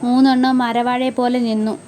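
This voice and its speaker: A woman voicing a bitter, sarcastic grown man who feels unwanted by his family, in her own brisk, high voice while recapping a serial. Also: flat delivery, dark tone, a little hiss or hum, lightly acted. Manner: sulky, sarcastic complaining.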